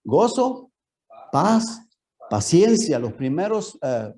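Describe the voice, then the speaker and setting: A male pastor teaching a Bible lesson in church. His voice sits a little high, yet it has a mellow, warm tone. He keeps putting rhetorical questions to his listeners. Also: sing-song, slow.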